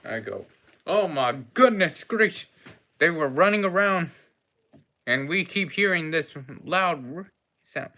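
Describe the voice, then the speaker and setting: A fussy, polite cafe owner played by a man tells his tale slowly, gasping and exclaiming along the way. His voice is bright and swings widely from low murmurs to high exclamations. He is a figure in a spoken tabletop game. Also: expressive, heavily acted. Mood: flustered. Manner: long-winded, gasping, exclaiming. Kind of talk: role-play voice in a tabletop game.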